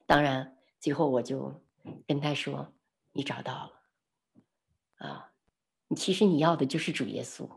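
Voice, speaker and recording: A woman, telling a personal story in an interview. She speaks softly, often drops close to a whisper, acts out both sides of a conversation and laughs lightly now and then. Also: extremely low pitch, moderate pace, creaky. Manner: soft-spoken, often dropping to a near whisper; reenacts dialogue, laughs lightly. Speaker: interview guest.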